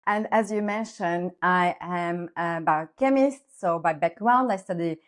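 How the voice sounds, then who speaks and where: A woman's voice: on the low side, a little slow. A woman in her thirties from Portugal with a Portuguese accent, a guest coach explaining her work earnestly in a podcast interview. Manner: earnest, explanatory, with fillers and restarts.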